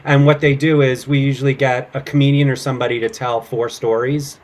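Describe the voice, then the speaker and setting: As a guest on an interview, this middle-aged man, an actor and improv comedian, shares stories in a relaxed way and performs snippets of dialogue. He speaks briskly with a flat delivery, in a medium-pitched voice that's a little mellow.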